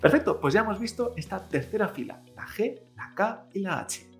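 A man's voice: sits high, big pitch swings, soft background music. Man teaching pronunciation with repeated checks. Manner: drawn-out model syllables with frequent "¿eh?" checks; addresses the listener directly, prompting repetition. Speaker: Chinese teacher. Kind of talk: pronunciation lesson.

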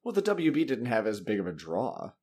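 Husky, animated podcast host. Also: male voice, on the low side, brisk. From Massachusetts. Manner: animated, laughs often, swears. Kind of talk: casual chat.

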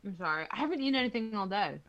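A woman hosting a podcast in casual chat, blunt and quick to swear and laugh. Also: mid-range voice, expressive, fairly bright tone, lo-fi sound, a little hiss or hum. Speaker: podcast host.

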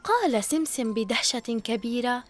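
High-voiced woman telling a children's story. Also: animated, normal speed. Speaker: storyteller host. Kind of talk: scripted children's story narration. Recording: roomy reverb, long echo, soft music bed. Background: faint background music.

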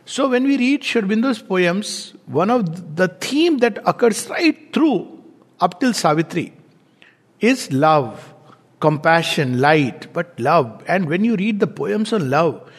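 High-voiced man lecturing in a reverberant hall. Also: very animated. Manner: musing, unhurried, frequent chuckles and "you know" fillers. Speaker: lecturer on poetry. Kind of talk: reflective spoken lecture.

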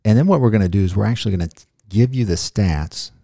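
A man's voice: fairly low pitch, fast talker, mellow, no room sound, clean studio sound. A middle-aged man hosting a podcast in casual chat, rambling and joking off on tangents. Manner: rambling, jokey, goes off on tangents. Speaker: podcast host.

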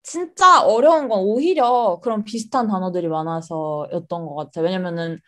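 A young woman from South Korea speaks as the guest in a casual interview. Her voice sits at a middle pitch. She explains her points reflectively, in a conversational way. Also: normal speed, fairly bright tone.

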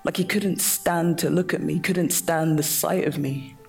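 A man playing a dead young son speaking to his father in a hushed, intimate spoken-word monologue. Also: a little high, fairly even intonation, unhurried, gravelly, husky, soft background music, heavily acted. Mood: haunted. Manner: intimate, hushed, keeps saying "Dad".

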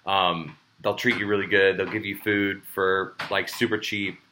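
Male podcast host, bright lowish voice, rambling casual delivery. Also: flat delivery, normal speed, a little hiss or hum. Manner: rambling, with many fillers and restarts. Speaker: podcast host and show promoter. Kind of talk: casual chat.

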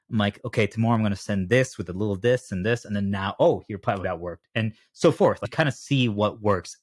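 Chatty podcast host guy, kinda low voice, rambles on, dry close sound. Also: no echo. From United States. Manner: talkative, rambling, animated storytelling. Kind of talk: casual podcast interview.

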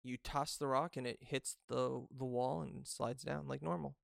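Creaky-voiced male game master. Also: mid-range voice, fairly even intonation, moderate pace, no room sound. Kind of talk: narrating a tabletop game. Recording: dry, with faint music behind. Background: faint music.

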